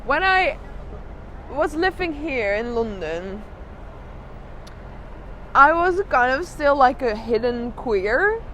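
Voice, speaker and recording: A woman's voice: sits high, big pitch swings, slow pace, pauses often, bright, forceful tone. A woman giving a candid, reflective interview as a drag artist, telling her story with emphatic repeated phrases. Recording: noisy outdoor urban spot with traffic.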